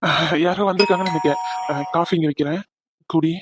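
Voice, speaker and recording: A man's voice: a little high, fairly even intonation, quick pace, music in the background, close to an everyday voice. A man voicing a young cartoon husband who teases his wife and fumbles with fillers when caught out. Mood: sheepish. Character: young husband, teasing and sheepish.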